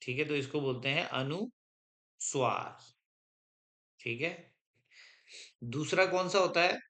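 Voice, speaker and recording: A man's voice: on the high side, expressive, fairly bright tone. A man teaching a grammar lesson to a class, dictating notes, repeating each point and often stopping to check that students understand. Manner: slow, repetitive, keeps checking understanding.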